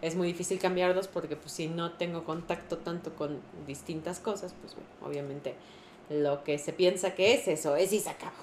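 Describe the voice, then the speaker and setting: A woman with a Mexican accent retelling a novel's plot in casual, animated chat, full of fillers. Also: fairly low pitch, normal speed. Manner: animated, laughs often, lots of fillers. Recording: echoey room with faint noise.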